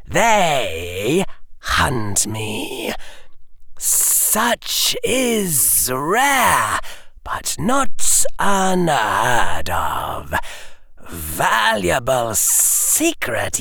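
A reader voicing a cruel, mocking male dark wizard lord who hisses his words slowly and breaks into shouts. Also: medium pitch, wildly swooping pitch, gravelly, no room sound, studio quality, voice pushed up, exaggerated voice. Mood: cold amusement. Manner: hissing, slow and drawn-out, bursts into shouts.

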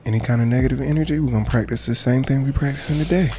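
With music in the background and a slight hiss or hum on the recording, a man talks very fast in a warm, medium-pitched voice. He's guiding a meditation with casual, encouraging, informal prayer.

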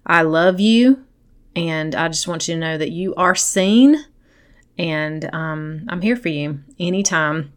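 A woman's voice: low-pitched, slow pace. A middle-aged woman hosting a podcast, talking casually and personally in an earnest, encouraging manner to women listeners. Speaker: podcast host and coach.

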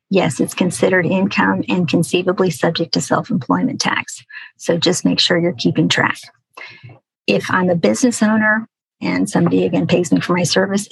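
A woman explains things conversationally as a guest expert. Her voice is very husky with plenty of creak. She keeps a fairly flat pitch range. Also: dry recording, rough recording. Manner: explanatory, uses hypothetical examples. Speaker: accountant, podcast guest.

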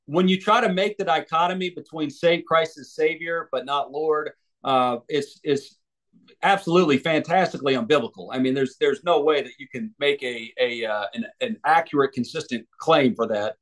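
American evangelist, male, fairly high voice, earnest halting answers. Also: fairly bright tone. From United States. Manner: thoughtful, with many restarts and fillers. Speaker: evangelist and author. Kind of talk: interview answers.

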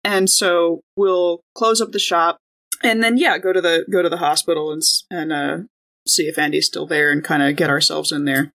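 A woman plays a tabletop role-playing game, chatting informally and thinking aloud as she improvises. Her voice is low-pitched with a steady, fairly bright tone and a moderate pace.

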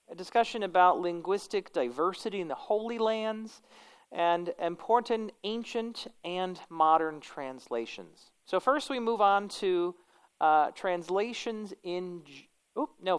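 A woman's voice: mid-range voice, smooth. A woman pastor with a kindly, conversational manner, teaching an informal church class and correcting herself as she goes. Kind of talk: informal religious lecture and prayer.

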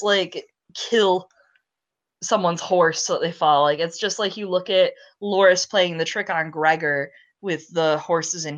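Casual young woman ranting, low-pitched. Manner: casual, swears often, animated ranting. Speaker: podcast host. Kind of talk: casual podcast chat.

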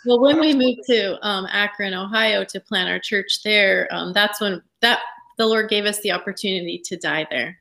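A woman pastor speaks on a podcast in a reflective way. She often pauses and hesitates, and her voice is at an average pitch. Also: vocal fry, fairly bright tone. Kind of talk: podcast interview.

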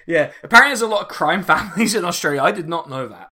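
A man's voice: a little high, lively intonation, rapid-fire, bright, forceful tone, breathy edge. A man hosting a casual history podcast, chatty and wry, laughing often and swearing freely. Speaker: podcast host.

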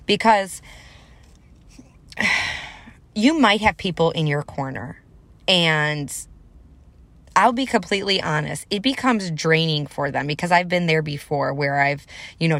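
A woman in her thirties with a deep voice hosts a solo motivational podcast, talking straight to her listeners in an encouraging, conversational way. The recording is dry.

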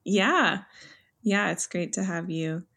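A woman's voice: medium pitch, slow, vocal fry, fairly bright tone. A woman hosting a podcast interview, friendly, with fillers. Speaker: podcast host.

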